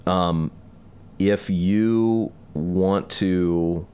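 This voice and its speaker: A man hosting a live online chat, talking casually and haltingly with many fillers. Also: low voice, clean tone. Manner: relaxed, halting, lots of fillers. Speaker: host of a live release party.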